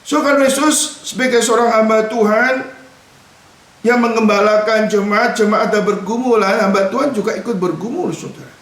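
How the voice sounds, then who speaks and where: A man's voice: high voice, normal speed, a bit bright. A man, a pastor, preaching a sermon to his congregation, often calling them brothers and sisters and slipping in English words. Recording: echoey church hall from far off.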